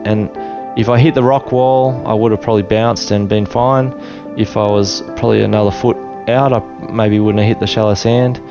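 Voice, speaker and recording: A man in his forties with an Australian accent, a guest telling his life story in a relaxed, rambling way full of restarts. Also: lowish voice, normal speed, highs cut off, over music. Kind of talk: casual storytelling interview. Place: his home.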